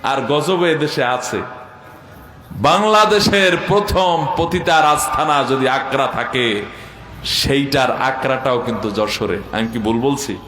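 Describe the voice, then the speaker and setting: A man preaching a sermon at a religious gathering, firing rhetorical questions at the crowd, swinging between loud declaiming and low asides, and chanting Arabic lines. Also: slow, background noise. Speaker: preacher at a Quran commentary gathering. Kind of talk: Bengali waz sermon. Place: outdoor religious gathering with loudspeakers. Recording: echoey public address sound.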